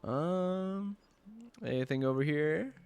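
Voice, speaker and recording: Slow-paced man muttering over game music. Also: a little high, darkish tone, clean tone. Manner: muttering to himself, trailing off. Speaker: gaming video host. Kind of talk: casual game playthrough commentary.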